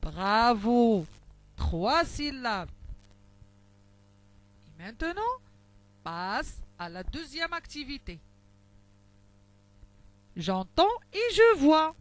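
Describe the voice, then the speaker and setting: Slow high-voiced woman teaching phonics. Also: very animated. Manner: slow, carefully articulated, syllable by syllable. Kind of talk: slow phonics lesson for young children.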